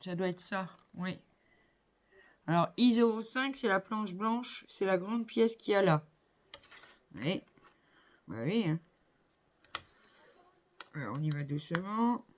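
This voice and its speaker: A middle-aged woman builds a model kit while chatting casually, thinking aloud and using lots of fillers as she works with her hands. Her mid-range voice is animated, yet she takes things slowly, with long pauses.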